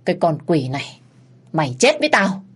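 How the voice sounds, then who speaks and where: A woman voicing an angry, violent village man shouting threats. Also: low-pitched, big pitch swings, a little fast, breathy edge, exaggerated voice. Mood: enraged.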